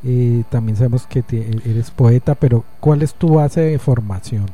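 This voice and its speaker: A man's voice: medium pitch, moderate pace, warm tone. A man hosting a radio interview, asking questions in a conversational way and summing up his guest's answers. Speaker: radio show host.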